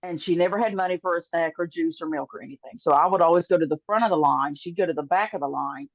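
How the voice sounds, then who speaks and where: A woman's voice: fairly low pitch, quick pace, dry recording. A woman co-hosting a casual faith podcast, telling personal stories at length. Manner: warm storyteller, acts out voices in anecdotes. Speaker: podcast co-host. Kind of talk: casual faith chat, storytelling. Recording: dull, slightly muffled sound.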